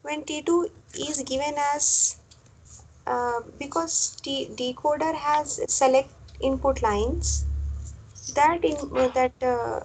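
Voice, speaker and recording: A woman lecturer, explaining a technical topic step by step, often repeating phrases and pausing on fillers. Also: sits high, darkish tone, a little hiss or hum, low-quality recording. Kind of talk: classroom lecture.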